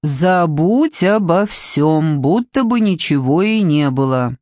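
A reader voices a blunt, breezy woman friend in an audiobook, brisk and teasing. The voice sits at a middle pitch. It is recorded dry and close. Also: animated, a little mellow, no room sound. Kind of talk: audiobook reading.

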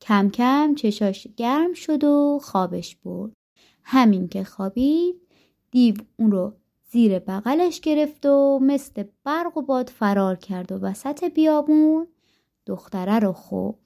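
A woman narrating a folktale audiobook in a gentle, rhythmic storytelling manner, recorded on a studio mic. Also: a little high, expressive, creaky.

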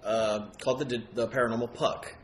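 A man's voice: medium pitch, fairly even intonation, fairly quick. A man in casual conversation, hosting a ghost-hunting talk show. He rambles in a chatty way, often correcting himself mid-sentence. A faint hum sits under his voice. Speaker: paranormal podcast host. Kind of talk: casual chat.

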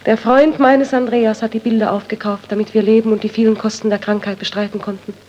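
A woman's voice: on the high side, level tone, quick pace, darkish tone, dull audio, slight background noise, lightly acted. A woman playing a sorrowful, guilt-torn widow. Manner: earnest, sorrowful, turns to anguished pleading. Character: grieving widow, tormented by guilt, pleading. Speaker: doctor's friend's widow. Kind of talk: 1930s radio acting.

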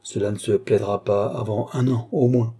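A man voicing a fussy, agitated male lawyer who is effusive and excitable. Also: lowish voice, normal speed, slightly rough.

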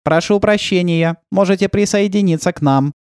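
A reader voicing a proud, pompous male robot guide who talks slowly and self-importantly, in an audiobook. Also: mid-range voice, darkish tone, clear, resonant tone, no room sound, clean studio sound, pitched above the performer's own voice, natural voice. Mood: boastful. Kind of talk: audiobook role-play.

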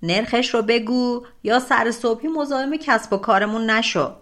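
A woman's voice: on the high side, a bit bright, natural voice. A woman storyteller voicing a shrewd, brusque old merchant haggling in a village bazaar.

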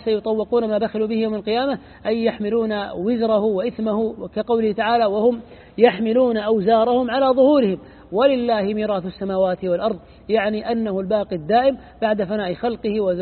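A man reading a classical religious commentary aloud at speed, often stumbling and repeating words. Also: high voice. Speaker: student reading the text aloud. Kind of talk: fast recitation of a classical commentary. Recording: tinny phone-like lo-fi audio.

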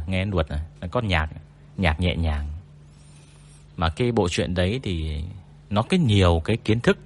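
A man hosting a storytelling livestream in casual chat, reading viewer comments aloud and joking about himself in a deep, low voice. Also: slight background noise.

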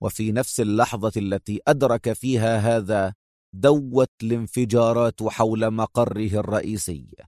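A man narrating a story in a dramatic, measured reading. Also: lowish voice, a little mellow, no room sound, clean studio sound.

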